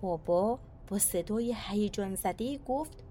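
A woman storyteller hosting a children's podcast, narrating a scripted bedtime story in a soft, soothing way. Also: mid-range voice, lively intonation, soft background music.

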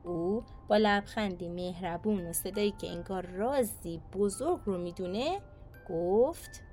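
A woman storyteller hosting a children's podcast, narrating a scripted bedtime story in a soft, soothing way. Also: mid-range voice, faint music behind.

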